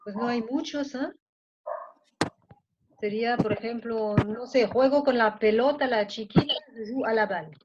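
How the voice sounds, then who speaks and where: There's background noise behind this woman's fairly high voice as she teaches, at a measured pace, an online French class conducted in Spanish. Her accent is Mexican, and she often asks if students are following. The lo-fi audio comes through muffled.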